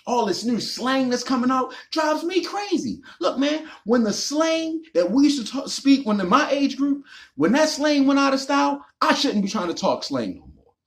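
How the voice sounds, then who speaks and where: A man's voice: extremely high pitch, very animated, moderate pace, a bit bright. A man, giving an emphatic, repetitive motivational talk about recovery and growing up. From Baltimore, Maryland. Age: 40s. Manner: emphatic, repetitive, preachy, slangy with "man" asides. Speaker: recovery vlogger. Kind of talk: casual motivational monologue.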